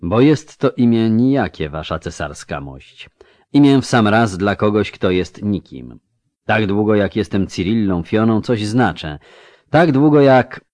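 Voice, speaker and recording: A man's voice: on the low side, lively intonation, measured pace, darkish tone, no room sound. A man voicing a frightened young girl posing as a princess, answering timidly and formally. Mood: bitter. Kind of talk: audiobook character voice.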